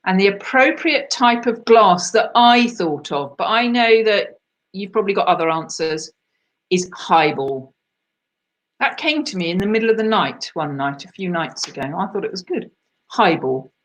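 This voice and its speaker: A woman of middle pitch running an online quiz night, going through the answers one by one. She chats between them, pokes fun at herself and drifts off into asides. Her voice comes over a video-call microphone. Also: expressive, moderate pace. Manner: chatty and self-deprecating, laughs at herself. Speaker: quiz host.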